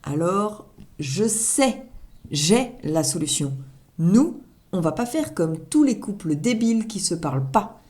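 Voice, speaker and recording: A woman's voice: mid-range voice, very animated, slow, warm tone. A woman reading her own blog article aloud as humorous personal narration, with wry, self-mocking asides.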